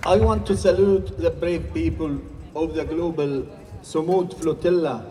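A man from Gaza, giving an impassioned protest speech at an outdoor rally, sometimes rising to shouts. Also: on the high side, measured pace. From Gaza, Palestine. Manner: forceful, rising to shouts at times. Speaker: rally speaker. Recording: distant reverberant rally recording with faint noise.

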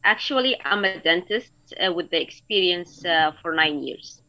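A woman from Sudan co-presents a radio segment. She hesitates with fillers when chatting and reads steadily. Her voice has a bright, forceful edge, and the remote recording sounds dull and lo-fi. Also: fairly low pitch, lively intonation, normal speed. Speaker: guest co-presenter and writer.

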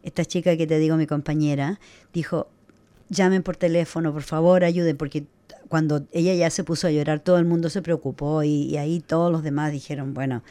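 A woman's voice: low voice, fairly even intonation, brisk, dark tone, dry recording. A woman hosting a radio conversation, an attentive interviewer who often agrees and asks questions. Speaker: radio host.

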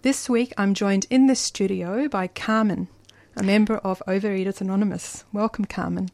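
A woman hosting a community radio program, reading a measured scripted introduction and interviewing a guest in the studio. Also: medium pitch, steady tone, a little mellow, no echo. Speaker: radio host. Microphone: studio microphone.

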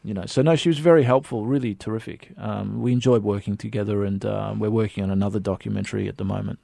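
A man's voice: on the low side, steady tone, fast talker, creaky, mellow, no echo. An Australian man, a documentary filmmaker, chatting enthusiastically in a radio interview, with lots of fillers and restarts.

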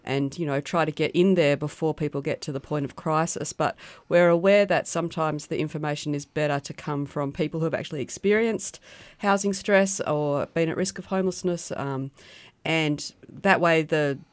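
A woman's voice: low voice, moderate pace, few pauses, dry recording. A woman co-hosting a community radio show in a chatty, upbeat way. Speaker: co-host. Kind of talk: casual radio chat.

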